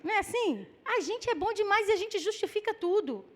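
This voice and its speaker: A woman with a Brazilian Portuguese accent preaching a lively sermon, acting out people's excuses in mock voices. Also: very high-pitched, a little fast.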